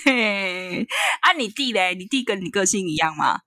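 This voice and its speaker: A woman co-hosting a casual chat podcast, telling stories with animated delivery, acting out both sides of arguments and laughing often. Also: medium pitch, moderate pace, dry recording. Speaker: podcast co-host.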